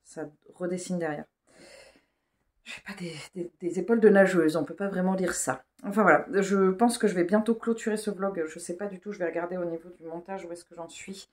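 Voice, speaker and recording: A woman's voice: lowish voice, darkish tone. A woman chatting casually for a vlog, informal and hesitant as she thinks aloud. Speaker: vlogger. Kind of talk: casual rambling vlog chat.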